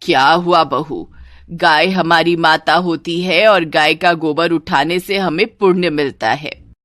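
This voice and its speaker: A woman's voice: deep voice, slow, no echo. Bossy cartoon mother-in-law, voiced by a woman. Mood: scolding. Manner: scolding, shouting at her family.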